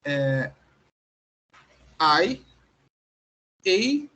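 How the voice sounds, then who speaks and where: A man's voice: fairly high pitch, very animated, drawn-out words, pushed and bright, low-quality recording. A man from Brazil as an English student, hesitantly spelling names with fillers. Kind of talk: online English lesson.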